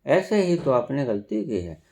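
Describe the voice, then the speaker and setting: A man delivers a sermon at an unhurried pace. His pitch swings widely, climbing on emphatic phrases before settling back down as he explains. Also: big pitch swings, creaky, dark tone. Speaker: spiritual teacher.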